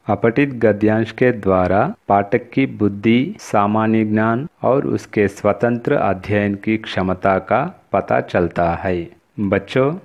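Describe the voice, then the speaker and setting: Slow-speaking male Hindi teacher, lo-fi. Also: on the low side. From India. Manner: slow, deliberate, repeats "बच्चों" to address pupils. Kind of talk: recorded lesson for children.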